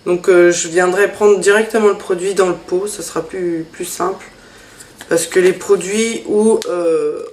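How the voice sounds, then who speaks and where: A woman's voice: lowish voice, slight background noise. Chatty woman in a roomy echo. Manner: chatty, hesitant with many fillers. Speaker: beauty vlogger. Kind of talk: casual makeup haul vlog.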